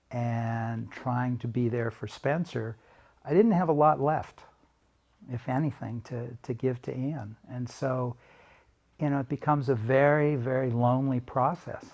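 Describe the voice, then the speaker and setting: Man, halting, earnest, muffled lo-fi recording. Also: medium pitch, darkish tone. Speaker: bereaved father. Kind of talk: documentary interview.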